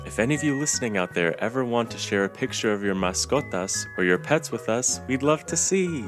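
Casting: playful man host for a kids' lesson, very animated, music playing behind. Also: medium pitch, a little fast. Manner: lively, friendly, playful. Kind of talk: children's language lesson.

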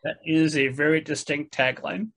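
A man's voice: a little high, fairly even intonation, normal speed, creaky, fairly bright tone. A man hosting a podcast interview, jokey and upbeat, with casual fillers. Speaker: podcast host.

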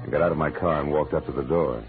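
Rumbling low and talking fast, an American lead actor portrays a world-weary, wry private detective narrating his case in a 1940s-50s radio noir. The delivery is clipped, and the old recording is muffled, with music underneath.

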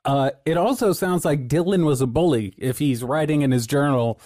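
A man's voice: on the high side, moderate pace, warm tone, no room sound, clean studio sound. A man co-hosting a casual podcast, presenting research notes in a laid-back, profane way and laughing often.

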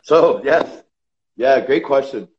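A man's voice: medium pitch, slow. A man guest on a podcast, casually telling stories about his ice hockey career and calling the host brother. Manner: animated, calls the host brother. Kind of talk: casual interview storytelling. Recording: slightly dull lo-fi sound.

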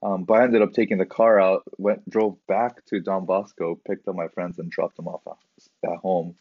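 A man from Southern California, a podcast guest, telling laughing anecdotes in a relaxed, casual way. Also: low voice, normal speed, dry recording, lo-fi sound. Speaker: guest, professional drift driver.

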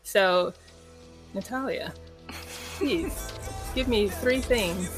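A podcast host asking questions in a relaxed, self-deprecating way with halting restarts. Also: male voice, sits high, long reverb tail, music in the background. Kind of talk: casual podcast conversation.

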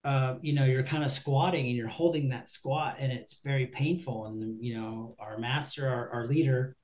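A man's voice: medium pitch, steady tone, normal speed, darkish tone, dull audio. A man in his forties, a musician guest, chatting casually in an interview, easygoing and rambling with many ums. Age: 40s.

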